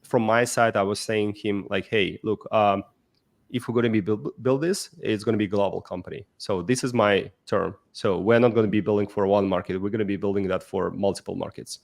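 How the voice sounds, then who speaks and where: As a podcast guest in a casual interview, a Russian startup founder recounts his life story in a Russian accent, with lots of fillers and restarts. His voice is fairly low and creaky, with fairly even intonation and a slightly fast pace.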